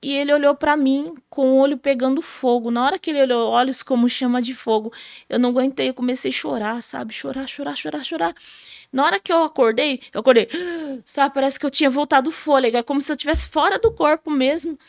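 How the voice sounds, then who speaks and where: High-voiced Brazilian woman giving testimony. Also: fast talker, no room sound, studio quality. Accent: Brazilian Portuguese. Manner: emotional storytelling, many fillers like "sabe?". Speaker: gospel singer, podcast guest. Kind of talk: testimony in a podcast interview.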